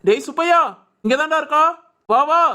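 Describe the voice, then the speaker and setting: A woman voicing a rough male henchman in a cartoon drama who jeers and yells at his target. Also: high voice, normal speed, voice pushed up. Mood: jeering. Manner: jeering, shouting.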